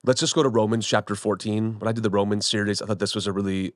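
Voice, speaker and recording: Low-voiced pastor chatting on a podcast. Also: male voice, steady tone, fast talker, no room sound, studio quality. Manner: conversational, repeats words as he thinks. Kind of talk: casual podcast conversation. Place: studio room with podcast team.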